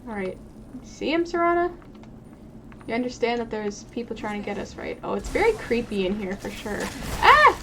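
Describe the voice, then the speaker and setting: A woman's voice: medium pitch, steady tone, fast talker, few pauses. Chatty streamer woman, noisy audio. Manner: chatty, swearing, talks to the game character. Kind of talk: casual gameplay commentary.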